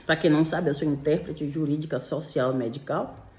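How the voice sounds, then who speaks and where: A woman's voice: low-pitched, fairly even intonation, a little fast, a little mellow. A woman and interpreter telling her own true paranormal story in an emotional, confiding way, speaking straight to her listeners. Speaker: legal and medical interpreter. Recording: roomy echo.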